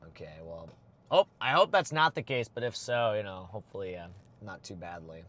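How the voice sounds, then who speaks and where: A man's voice: on the low side, expressive, a little fast, a bit bright. A man livestreaming storm chasing from a moving car, thinking aloud in casual, rambling commentary full of fillers. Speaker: storm chaser streaming live.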